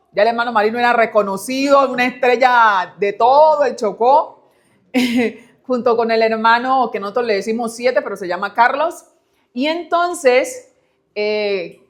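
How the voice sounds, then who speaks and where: Chatty woman giving a church talk. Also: a little high. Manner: chatty, laughs often, addresses the congregation as brothers. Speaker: church speaker.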